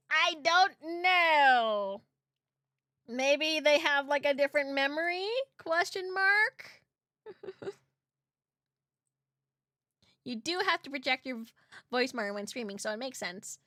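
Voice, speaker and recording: Cute, bright, high-voiced anime-style woman streamer. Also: very animated, moderate pace, no room sound, studio quality. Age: 30s. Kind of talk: casual livestream chat.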